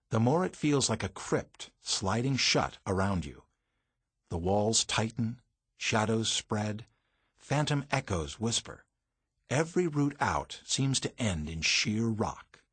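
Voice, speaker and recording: Guy reading an audiobook, dramatic storyteller, pitch all over the place, dry close sound. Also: a bit bright, slightly rough, no echo. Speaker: audiobook narrator. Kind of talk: first-person audiobook narration.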